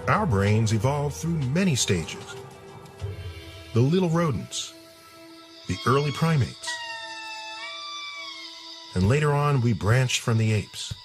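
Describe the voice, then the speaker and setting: Guy doing nature documentary narration, pitch moves around a lot, music under him. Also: lively intonation, takes it slowly, pauses often.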